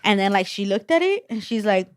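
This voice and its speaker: A woman's voice: mid-range voice, sing-song, a little fast, clean tone, no room sound. Rambling woman podcast co-host, dry sound. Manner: rambling, many "like" fillers, restarts. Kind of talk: casual chat.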